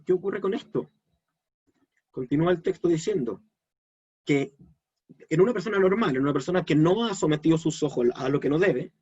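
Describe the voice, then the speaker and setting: A man's voice: fairly high pitch, a little mellow, breathy edge, highs cut off. A man giving a live online Kabbalah lesson, explaining step by step and checking in with his audience. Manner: explanatory, asks the audience questions. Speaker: Kabbalah teacher.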